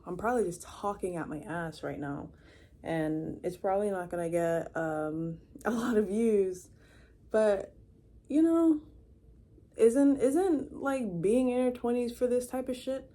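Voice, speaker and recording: Speaking at a measured pace in a warm, mid-range voice, this 23-year-old woman rambles to camera indoors in her own room. She's a chatty vlogger who uses plenty of fillers and keeps restarting her sentences.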